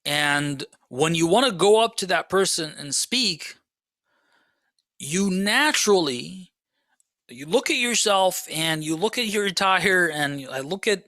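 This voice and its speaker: Male lecturer, fairly high bright voice, preaching conversationally, soft asides and emphatic rises. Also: lively intonation, a little slow, no room sound. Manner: conversational, rhetorical questions, frequent "okay?"; swings between soft low asides and raised emphatic passages. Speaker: Islamic lecturer. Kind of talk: religious lecture.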